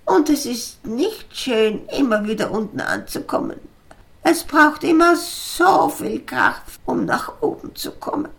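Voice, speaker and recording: A woman's voice: high voice, huge pitch swings, measured pace, vocal fry, full character voice. A woman voicing a moody female frog with a headache who groans and quacks between her sentences in a children's audio story. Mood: wistful.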